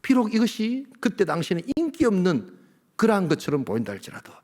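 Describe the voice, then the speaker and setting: A man in his fifties from the Gyeongsang region, a senior pastor preaching a sermon. He tells stories and swings between loud, emphatic lines and hushed near-whispers. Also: sits high, huge pitch swings, quick pace. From Gyeongsang region of Korea.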